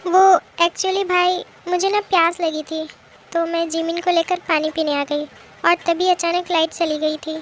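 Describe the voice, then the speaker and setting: Using a very high voice with flat, unhurried delivery, a woman plays a fearful, timid young woman in a fan drama dub. The character begs anxiously and talks under her breath to herself.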